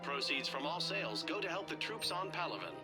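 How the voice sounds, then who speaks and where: A store's loudspeaker announcer. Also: female voice, sits low, big pitch swings, a little fast. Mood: promotional. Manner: smooth scripted advertising patter. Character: female shop announcer, polished sales pitch. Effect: shop loudspeaker announcement. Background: loud game music.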